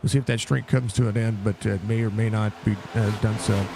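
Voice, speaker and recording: A man's voice: lowish voice, little pitch movement, fairly quick. A man giving casual, chatty live sim racing commentary, addressing viewers and drivers directly, his mouth barely opening after facial surgery. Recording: clear background engine noise. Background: race car engine noise.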